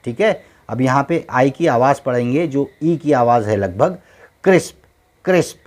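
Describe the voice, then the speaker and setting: A man's voice: medium pitch, animated, normal speed, a little mellow. A man teaching English phonics, spelling out letters and sounding out each word, then repeating it patiently several times.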